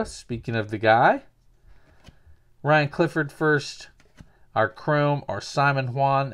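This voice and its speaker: A man's voice: medium pitch, clean tone. A man hosting a casual card-opening show, joking and rambling as he names each card. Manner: jokey, rambling, trades banter with viewers.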